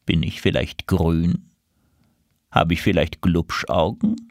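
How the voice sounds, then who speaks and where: Man doing a hushed old crow seer woman. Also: deep voice, dry recording, studio quality, pitched below the performer's own voice. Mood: scolding. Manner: slow, hushed, ominous whispering.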